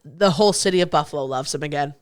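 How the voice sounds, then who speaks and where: A young woman co-hosting a sports podcast, chatting casually and excitably about football. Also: low-pitched, fast talker, clean tone. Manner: chatty, excitable, restarts when flustered. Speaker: podcast co-host.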